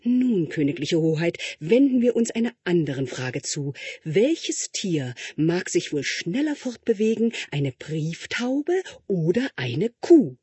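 A man voicing an anxious, fawning royal tutor who flatters and speaks slowly and high. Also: husky, dry recording, full character voice. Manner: obsequious, flattering, high and drawn-out.

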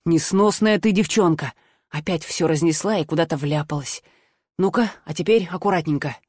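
A woman voicing a gruff male doctor who barks urgent orders, in an audiobook. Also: on the low side, moderate pace, darkish tone, no echo, studio quality. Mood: gruff tender.

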